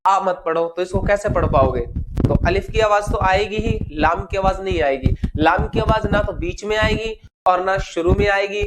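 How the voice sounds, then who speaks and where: A man teaching a grammar lesson, asking the class questions and answering them himself, slowing down to spell out each example word. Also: high-pitched. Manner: slows down to spell out example words. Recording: noisy recording.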